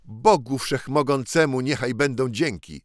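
A man's voice: medium pitch, sing-song, slow pace, sharp tone, dry recording, studio quality, voice pushed up, exaggerated voice. A man voicing a ragged boy who is the rightful king, speaking in a proud, commanding, declamatory way.

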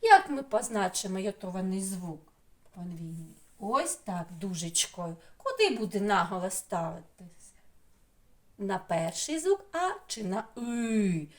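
A woman's voice: mid-range voice, sing-song, a little slow. A woman with a Ukrainian accent teaching young children online, stretching out syllables in a sing-song way. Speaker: preschool teacher.

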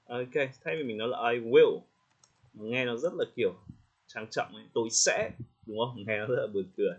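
A man gives relaxed spoken feedback as a pronunciation coach, slowing down to demonstrate words. His voice is slightly husky, and the audio sounds a bit dull and lo-fi. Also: mid-range voice. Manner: friendly, demonstrates words slowly with small laughs. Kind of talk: casual spoken feedback on a student's recording.

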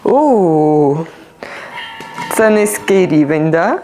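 Middle-aged woman, slow and very expressive, gameplay commentary with an orchestra playing behind. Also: on the low side, noisy background. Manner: animated, exclamatory, talks to viewers while playing. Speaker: mother playing a VR conductor game. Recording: orchestral game music loud behind her.

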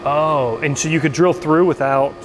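A man in his thirties, a machine shop owner, talking casually to a handheld camera in a quick, upbeat, rambling way with many ums. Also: fairly high pitch, fairly even intonation. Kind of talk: casual vlog talk. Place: large open machine shop workspace. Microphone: handheld camera close to face. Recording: reverberant hall with faint noise.

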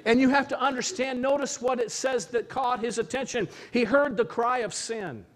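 A man pastor preaching a sermon, reading scripture aloud and then expounding on it in an earnest, searching way with slow emphatic pauses. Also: very high voice.

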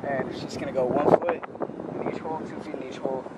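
A man's voice: medium pitch, level tone, quick pace. A man hosting a vlog and coaching, chatting casually with laughs outdoors. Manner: laughing, giving coaching instructions. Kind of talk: casual chat. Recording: loud outdoor noise behind.

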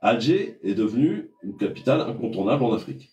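A man's voice: lowish voice, very animated, fast, a little mellow, echoey room, recorded from a distance. A man hosting a live radio show, talking emphatically to his guests. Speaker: radio host.

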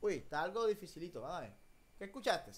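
Children's English teacher, online class, video call, bilingual, patient, encouraging, animated pitch. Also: quick pace. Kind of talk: online class for kids, mixing Spanish and English.

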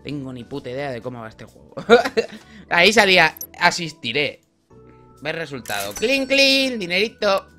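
Young dude doing a goofy let's play, bright voice jumping all over, game music faint behind. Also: male voice, fairly high pitch, sing-song, moderate pace. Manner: joking, swearing, talks to game characters. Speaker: gaming youtuber. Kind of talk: casual let's play commentary.

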